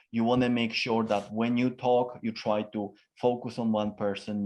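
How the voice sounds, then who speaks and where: A man's voice: lowish voice, a little mellow. A man answering interview questions as a communication expert, talking emphatically with lots of tonal variation and frequent fillers. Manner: emphatic, varies his tone a lot, frequent fillers.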